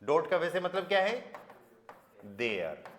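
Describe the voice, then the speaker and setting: Indian guy teaching german grammar in a classroom, slow and careful, bit high voice, echoey room. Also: big pitch swings, a bit bright, slight background noise. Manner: explains slowly in Hindi, mixing English and German examples. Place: classroom with students and online learners.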